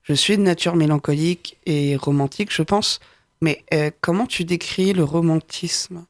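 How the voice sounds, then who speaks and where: Radio interviewer, mid pitch, dry close mic, hesitant, stammering. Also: moderate pace, no room sound. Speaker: co-host interviewer. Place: radio studio.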